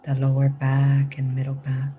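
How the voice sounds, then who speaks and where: Leading a live group meditation, this teacher speaks slowly and gently, her low, steady voice often drifting down to a whisper. A faint hiss runs under the recording, and her manner remains calm, mellow, and unhurried.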